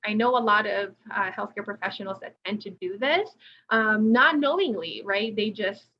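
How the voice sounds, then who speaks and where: A woman's voice: medium pitch, moderate pace. Woman clinician presenting a webinar, loose conversational delivery full of fillers, lo-fi audio. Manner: conversational, many fillers and restarts. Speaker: occupational therapist presenting a webinar. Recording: dull lo-fi audio, faint noise.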